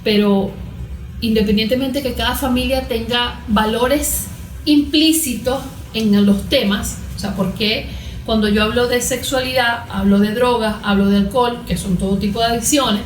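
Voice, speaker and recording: Her voice on the high side, a Venezuelan woman appears as a guest therapist, giving conversational interview answers on parenting at a moderate pace and with fairly even intonation. She explains her points emphatically, using rhetorical questions. The recording has a roomy, echoing quality.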